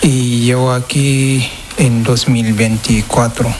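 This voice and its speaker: A man's voice: medium pitch, little pitch movement, a little mellow, faint music behind, poor audio. Hesitant young man from Senegal. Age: 20s. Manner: hesitant, halting non-native Spanish. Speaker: interviewee. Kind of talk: street interview.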